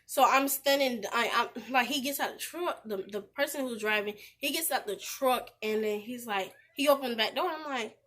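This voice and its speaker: High, bright-voiced woman vlogger, animated. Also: normal speed, few pauses. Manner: animated, talks straight to viewers. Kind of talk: casual storytelling to camera.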